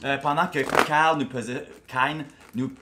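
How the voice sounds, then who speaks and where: A man's voice: medium pitch, steady tone, moderate pace, heavy background noise. A native French-speaking man with a Quebec accent, chatting casually and slangily, slipping between French and English. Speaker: drag show review co-host. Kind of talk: casual bilingual chat.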